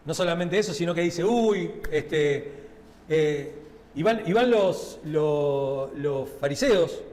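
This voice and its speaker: A man's voice: a little high, lively intonation, slow, a little mellow, in a large hall. A man with a Rioplatense Spanish accent preaching a sermon, talking to the congregation in a conversational way and often checking in with tag questions. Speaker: pastor. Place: church sanctuary.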